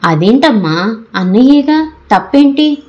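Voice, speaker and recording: A woman's voice: high voice, expressive, unhurried, highs cut off, pitched above the performer's own voice. A woman doing a hurt young college girl. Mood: plaintive. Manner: plaintive, protesting. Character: hurt teenage college girl, pleading with her mother.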